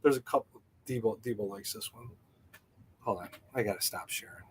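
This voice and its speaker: A man's voice: on the low side, fairly quick, a little hiss or hum. A man hosting a casual livestream, rambling enthusiastically with many fillers and answering viewers' chat. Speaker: livestream host and jig designer.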